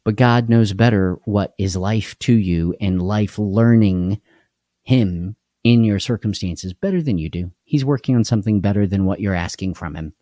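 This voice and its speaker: A man's voice: lowish voice, moderate pace, mellow, no echo, clean studio sound. A man hosting a live devotional talk, speaking earnestly and candidly, often repeating key phrases for emphasis. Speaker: host of a live devotional show.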